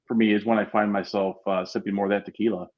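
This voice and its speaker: A man's voice: on the low side, flat delivery, fast. A man co-hosting a casual chat, telling stories in a friendly way with hesitant fillers. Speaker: co-host. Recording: dull, muffled sound.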